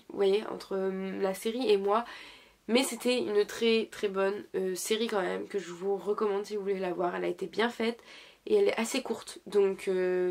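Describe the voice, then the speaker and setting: A young woman talks casually to her viewers while sick, pausing often to search for words. Her voice sits at an ordinary pitch but carries a gravelly, creaky fry. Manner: hesitant, many fillers and restarts. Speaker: YouTuber reviewing dramas. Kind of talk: casual chat.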